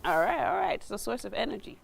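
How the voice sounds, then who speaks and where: A woman's voice: medium pitch, expressive, fast talker, creaky. A woman leading a group workshop, coaxing people to speak with playful teasing. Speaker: workshop facilitator. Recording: noisy room recording.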